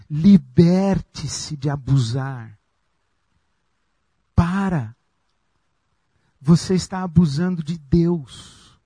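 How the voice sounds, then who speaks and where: Slow, dark-voiced preaching pastor, a man. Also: fairly high pitch, husky, no echo. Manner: slow, emphatic preaching with long pauses. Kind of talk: sermon.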